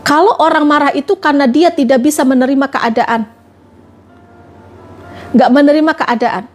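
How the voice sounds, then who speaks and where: A woman's voice: sits high, moderate pace. A woman motivational trainer giving live-streamed religious advice, firing rhetorical questions and coaxing her viewers directly. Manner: fires repeated rhetorical questions at listeners.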